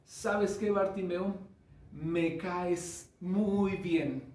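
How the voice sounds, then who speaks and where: Brief: Jesus, gentle and patient, asks questions softly, put on by a male preacher, higher voice, echoey. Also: very slow. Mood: kindly. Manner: gently questioning, then inviting. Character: Jesus, a kind and patient man. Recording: echoey room, mic from far off.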